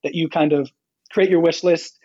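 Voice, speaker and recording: A man's voice: a little high, steady tone, brisk, warm tone, slightly rough, no echo, highs cut off. A middle-aged American man answering in an interview, telling stories informally and acting out bits of dialogue. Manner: informal, anecdotal, quotes dialogue. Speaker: guest, pastor. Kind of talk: conversational interview answers, storytelling.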